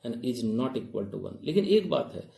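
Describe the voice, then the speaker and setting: A biology teacher gives an exam-prep lecture in a sing-song, unhurried voice that is medium-pitched, gravelly, and dark, heard in a reverberant space. Mixing Hindi with English technical terms, he keeps quizzing his students and calls them "babu."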